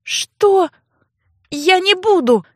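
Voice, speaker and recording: A woman reading an audiobook, voicing a hot-tempered young noblewoman with a shrill, indignant delivery. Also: lively intonation, very slow, a bit bright, no echo, studio quality, full character voice. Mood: queasy whiny. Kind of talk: audiobook character voice.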